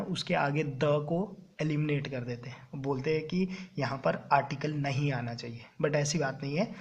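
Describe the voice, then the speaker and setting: Male exam-prep tutor, lecturing style, bit high-pitched, dull low-fi sound. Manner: keeps checking understanding with "clear?" and "ok"; mixes Hindi with English grammar terms. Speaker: English grammar teacher.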